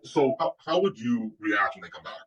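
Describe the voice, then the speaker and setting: A man's voice: on the low side, very animated, normal speed, fairly bright tone, recorded from a distance, lo-fi sound. A man seeking advice in a casual conversation, hesitant and stammering.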